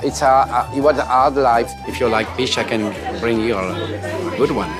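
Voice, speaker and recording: A man's voice: medium pitch, moderate pace. Playful French man in his sixties. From France. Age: 60s. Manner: playful, broken English. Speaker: talent show contestant. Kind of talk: stage act with banter. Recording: live theater with loud crowd and music.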